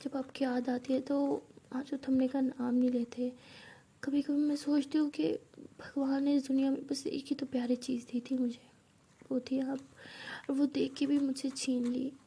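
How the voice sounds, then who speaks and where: A woman voicing a lonely, gentle woman who misses her late mother, speaking softly and often in a whisper. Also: a little high, level tone, a little slow, vocal fry, slightly rough, heavily acted. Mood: sad.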